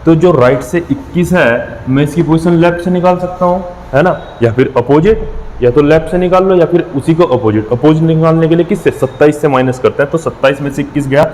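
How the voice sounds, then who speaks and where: A man's voice: a little high, brisk, a little mellow, big-room sound, slight background noise, low-quality recording. A man teaching an exam-prep reasoning lesson, working through problems step by step and counting numbers aloud with frequent checks on his students.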